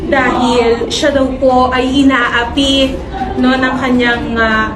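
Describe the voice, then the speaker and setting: A woman voicing a mock TV talk-show anchor with a slow, drawn-out, earnest delivery. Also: sits high, flat delivery, reverberant, far from the mic, very noisy. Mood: solemn.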